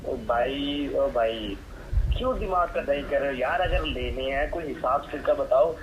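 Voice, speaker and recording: Speaking at a measured pace in a mid-range voice, a Pakistani-accented man who works as a medicine supplier sounds fed up and sarcastic on a phone call. The connection is dull and full of noise.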